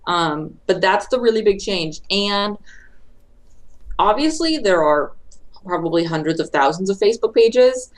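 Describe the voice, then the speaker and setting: A woman guest on a podcast explaining social media marketing in a brisk, chatty way that tends to ramble. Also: medium pitch, animated, rough recording. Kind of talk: casual interview chat.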